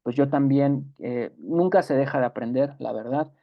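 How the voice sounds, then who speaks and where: Guy teaching english grammar, slow repeated examples, lots of ehs, kinda gravelly, muffled lo-fi audio. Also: medium pitch. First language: Spanish. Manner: explains patiently, repeats example words slowly; many fillers and self-corrections. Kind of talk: online grammar lesson.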